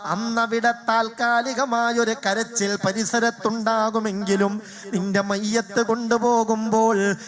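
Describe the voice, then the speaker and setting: A man preaching a sermon, swinging from soft, quick storytelling to slow, chanted Arabic verse. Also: sits high, little pitch movement, faint music behind. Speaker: Islamic preacher. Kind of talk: Malayalam sermon.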